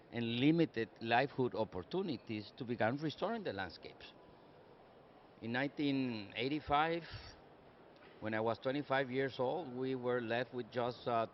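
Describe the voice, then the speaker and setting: In a conference session room, a man from Costa Rica in his sixties speaks on a panel with a Costa Rican Spanish accent. He sounds earnest and measured, laying out his points as lists in a mid-range voice. The highs are cut off and there's slight background noise.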